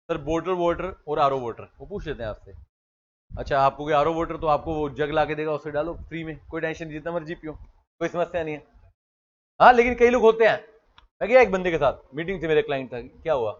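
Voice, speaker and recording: A man's voice: on the high side, highs cut off. A man teaching a law lecture in a chatty way, switching into English legal terms and telling stories from daily life. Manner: chatty, mixes English legal terms into Hindi, tells anecdotes.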